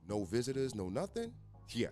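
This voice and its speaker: A man's voice: mid-range voice, huge pitch swings, moderate pace, mellow, soft background music. A man around forty hosting a radio show, ranting in casual, profane talk.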